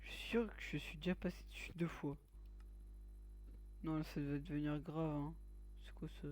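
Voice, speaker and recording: A man's voice: on the high side, fairly even intonation, normal speed, a little mellow. A man giving let's play commentary, joking crudely and teasing his viewers. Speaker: gaming YouTuber.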